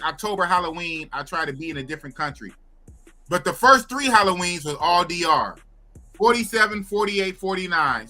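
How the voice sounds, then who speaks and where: A man's voice: sits high, pushed and bright. A man in his fifties hosting a casual chat, asking loose questions in a slangy, repetitive way. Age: 50s. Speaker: host.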